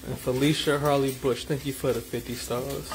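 A man's voice: medium pitch, little pitch movement, moderate pace, background noise. A man co-hosting a casual cooking livestream, reading out and greeting viewers by name. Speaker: co-host reading viewer comments. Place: home kitchen, indoors. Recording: kitchen with loud sizzling. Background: frying sounds.

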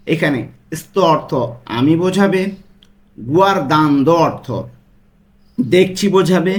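A man teaching a language lesson step by step. He repeats each phrase slowly and clearly and stresses every word. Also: fairly high pitch.

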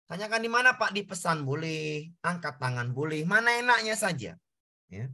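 Bright, high-voiced male tutor. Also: very animated, normal speed. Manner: explains exam answers, repeating points and addressing students. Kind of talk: online class lesson.

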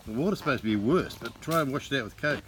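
Australian man, off-camera challenge host, casual needling banter at middle pitch, noisy backyard phone audio. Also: lively intonation, quick pace. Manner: teasing. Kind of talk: casual chat. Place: outdoors in a backyard garden. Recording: noisy outdoor phone recording.

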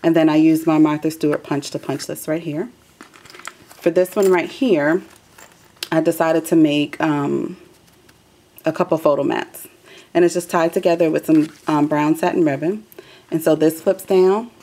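A woman's voice: low voice, fairly even intonation, a little slow, long pauses, mellow. A woman hosting a craft video, chatting loosely with many ums as she shows her work at a table. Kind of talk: casual craft walkthrough.

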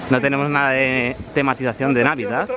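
A man's voice: medium pitch, flat delivery, fairly quick. A man from Spain with a Spanish accent, vlogging casually while walking around an outdoor theme park, chatty and joking. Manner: chatty, jokey, walking commentary. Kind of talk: casual vlog walkthrough. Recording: loud music and crowd outdoors. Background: park music and crowd.

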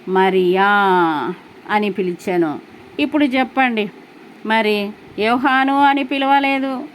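A woman's voice: a little high, a little hiss or hum. A woman preaching a sermon in an earnest way, asking her listeners questions as she goes.

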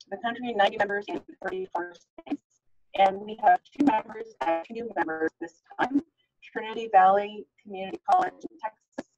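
A woman's voice: medium pitch, gravelly, darkish tone. Woman hosting a webinar, mic cutting out and glitchy, muffled call audio. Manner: talks with many ums and uhs. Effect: choppy, breaking-up audio from a failing mic. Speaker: webinar host. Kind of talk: presenting slides on a webinar. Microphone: computer mic on a video call. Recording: dull online call audio.

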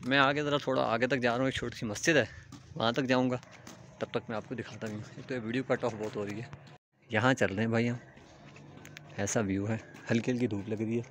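A man's voice: medium pitch, steady tone, a bit bright. Young man vlogging outdoors on a walk. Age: young adult. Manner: explains step by step, frequent filler pauses. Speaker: travel vlogger. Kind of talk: casual walking vlog narration. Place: outdoors on a hillside village road. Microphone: phone camera held at arm's length. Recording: faint outdoor ambient noise.

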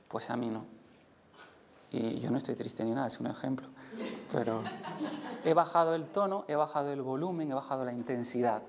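A male conference speaker with a Spain Spanish accent talks to a live audience in a lecture room. He is animated and demonstrative, pitching his voice up and down to act out emotions as he teaches. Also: a little hiss or hum. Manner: lively, demonstrates voices with big pitch jumps.

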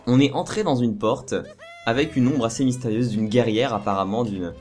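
Hoarse man commentating on a video game. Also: medium pitch, a little mellow. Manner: repeats words in quick bursts. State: hoarse, worn-out voice. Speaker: let's play host. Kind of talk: casual excited gameplay commentary. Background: video game music.

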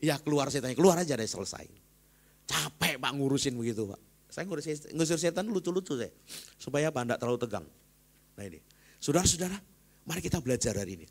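Seorang pendeta pria berkhotbah dengan penuh semangat dalam kebaktian gereja dengan tempo cepat. Suaranya meninggi keras ketika menekankan poin, lalu turun lebih rendah ketika ia memerankan ucapan orang lain.

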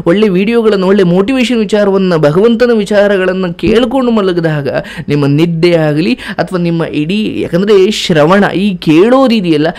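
A man's voice: sits high, darkish tone. A man giving spiritual advice as a host, earnest and preachy, ending with blessings. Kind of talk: advice talk.

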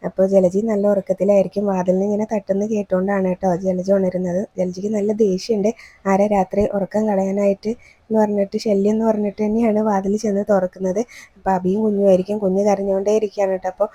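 A woman's voice: medium pitch, little pitch movement, fast, warm tone, husky, no echo. A woman hosting a serial review channel, retelling the plot in a chatty, casual way and often adding a friendly "you know" tag. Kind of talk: fast casual plot recap.

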